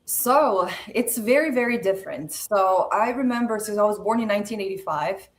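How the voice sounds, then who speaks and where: A woman in her forties from Serbia, a podcast guest telling her life story in a measured, reflective way with frequent pauses. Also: mid-range voice, animated. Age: 40s. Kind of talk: personal storytelling interview.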